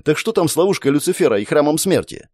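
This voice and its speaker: Male reader as an irritable, sarcastic young woman; high and sharp, storybook. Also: animated, fast talker, dry recording, studio quality.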